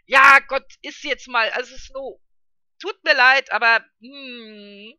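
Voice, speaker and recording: A woman's voice: high voice, steady tone, slow pace, pushed and bright, dry recording, highs cut off. A woman giving casual gameplay commentary as a let's player, chatting to her viewers and laughing often.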